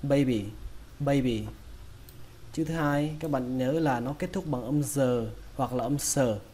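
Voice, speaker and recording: Mellow-voiced man drilling English words. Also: mid-range voice, a little hiss or hum. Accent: Vietnamese. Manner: repeats each word slowly, breaking it into sounds. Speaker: English pronunciation teacher. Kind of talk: slow, drilled pronunciation lesson.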